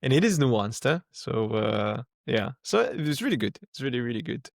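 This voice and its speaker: An easygoing man from Brazil co-hosts a casual tech podcast, often breaking into laughter. His voice sits at an average pitch. The sound is dry and close to the mic. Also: very animated, moderate pace, vocal fry, no room sound. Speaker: podcast co-host.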